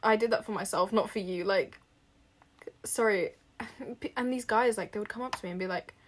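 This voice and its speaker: A woman's voice: medium pitch, normal speed. A young woman talks through advice in a loose, conversational vlog. She is blunt and open, peppering her speech with "like" and the odd swear word. Her tone stays casual and unpolished throughout. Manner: frank and chatty, lots of "like" fillers and swearing. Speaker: vlogger giving advice.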